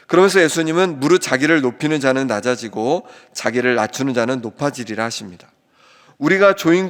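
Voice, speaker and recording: A man preaching a sermon as pastor, earnest, slowing down when he reads scripture aloud. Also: medium pitch. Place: church sanctuary. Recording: long church reverb.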